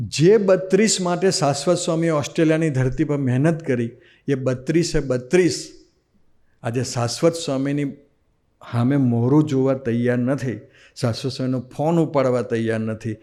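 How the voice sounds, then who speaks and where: Gujarati-accented swami telling devotional stories. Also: male voice, medium pitch. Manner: animated storyteller acting out quoted dialogue. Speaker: swami giving a discourse. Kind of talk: devotional sermon with storytelling.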